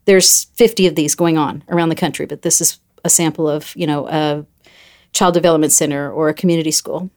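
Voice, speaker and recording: A woman's voice: low-pitched, fairly even intonation, brisk, darkish tone. A middle-aged woman chatting as a guest, telling a story and acting out the voices she quotes. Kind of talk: casual storytelling chat.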